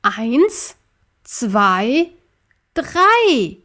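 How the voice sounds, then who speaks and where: A woman voicing Ariel, a small, brave male stuffed-toy elk in a storybook, speaking in a calm, thoughtful way. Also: mid-range voice, normal speed, lightly acted.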